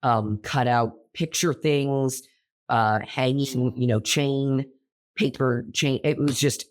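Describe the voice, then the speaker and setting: This theater-director-type co-host, recovering from a cold, takes things slowly in a medium-pitched, steady voice. His casual talk wanders, with plenty of fillers, ums and false starts.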